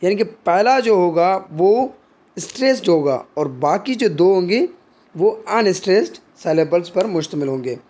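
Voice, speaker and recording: A man teaching poetry terms in a slow, unhurried way, with a high voice that sits well above most men's. He explains in Hindi, drops in English words, and fills his pauses with short hesitations. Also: lively intonation, a little mellow. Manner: mixes Hindi explanation with slow English read-outs, frequent fillers. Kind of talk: explaining literary terms, reading English examples slowly.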